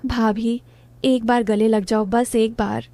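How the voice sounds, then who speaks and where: A lovesick young man with a soft, coaxing way of talking, as a woman reads him. The voice sits fairly high and mellow, with a close, dry sound. It stays gentle and near to everyday speech. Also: fairly even intonation, takes it slowly, dry recording. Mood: pleading.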